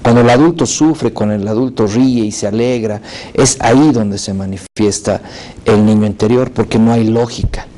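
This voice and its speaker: A man's voice: lowish voice, moderate pace, dark tone. A man speaking as a talk show guest, explaining ideas patiently and checking in with the listener.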